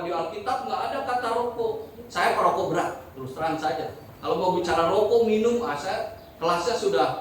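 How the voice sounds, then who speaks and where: A pastor preaching a sermon in a church, joking and asking the congregation questions. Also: male voice, very high-pitched, fairly bright tone, slight background noise. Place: church hall. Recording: very echoey hall, from a distance.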